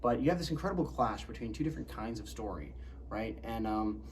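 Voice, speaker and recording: A man's voice: on the low side, lively intonation, fairly quick, recorded from a distance. A man gives informal commentary on a film project in a conversational way, checking in as he goes. He sounds a bit away from the mic, with faint noise behind. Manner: conversational, seeks agreement with tag questions.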